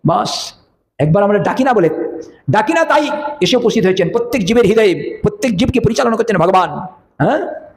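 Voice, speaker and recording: Man preaching, telling holy stories, high voice, echoey room, bit of hiss. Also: a little fast, pauses often. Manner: animated storyteller, acts out voices, frequent affirming fillers. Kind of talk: devotional storytelling sermon. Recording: echoey room, faint noise.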